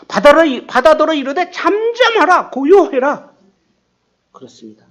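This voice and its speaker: A man pastor preaching a sermon, acting out quoted lines with sudden bursts of volume. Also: highs cut off. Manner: animated, acts out quotes with rising pitch and volume.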